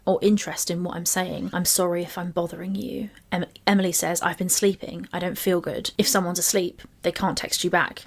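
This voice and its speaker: A woman with a somewhat low voice reads out text messages one by one and pauses to pick them apart. She is measured and analytical rather than excited. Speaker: commentary channel co-host. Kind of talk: reading out and commenting on text messages.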